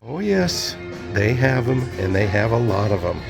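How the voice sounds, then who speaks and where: A man with a gravelly, still-rough morning voice talks slowly and easily as he films his walk around outdoor plazas. Music plays clearly behind him. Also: lowish voice, very animated. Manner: chatty, easygoing, thinks aloud. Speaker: vlogger. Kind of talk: casual walking vlog narration.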